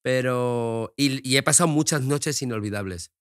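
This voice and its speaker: A man's voice: medium pitch, normal speed, no room sound, studio quality. A middle-aged man, a guest in a casual interview chat, talking frankly and expressively and swearing freely.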